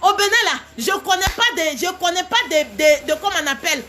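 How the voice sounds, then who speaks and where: Very high-voiced woman. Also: brisk, pushed and bright. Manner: emphatic, repetitive, laughing between phrases. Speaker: live video host. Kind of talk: live stream monologue.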